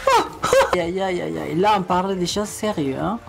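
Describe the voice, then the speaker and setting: A young woman with a non-native French accent talks viewers through a makeup tutorial in a relaxed, chatty way. She addresses them fondly and breaks into gushing exclamations. Faint music plays underneath her voice. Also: lowish voice, moderate pace, gravelly. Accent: non-native speaker of French. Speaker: beauty vlogger.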